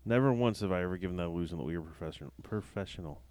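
Speaking fast in a low, slightly mellow voice, a man hosts a casual podcast where he rambles, swears freely, and mocks himself. There's a faint hiss or hum on the recording.

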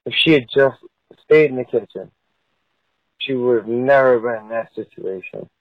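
A man's voice: medium pitch, moderate pace, no room sound. Drunk man on a dull landline voicemail. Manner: rambling, crude, meandering. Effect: heard over a phone line as a voicemail. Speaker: voicemail caller. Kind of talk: phoned-in voicemail rant.

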